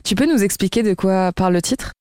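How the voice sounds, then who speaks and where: A woman's voice: medium pitch, brisk, warm tone, no echo, studio quality. A woman hosting a casual radio interview, asking questions in an informal way.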